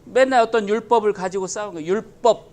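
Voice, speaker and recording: A man's voice: high-pitched, fast talker, a little mellow. A male pastor preaching a sermon, talking emphatically and asking the congregation many rhetorical questions.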